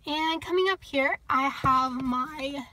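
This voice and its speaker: Holding her phone inside her parked car, a young vlogger gives viewers an easygoing walkthrough of it, chatty and upbeat with occasional laughs. She speaks slowly in a high voice that sounds pushed and bright.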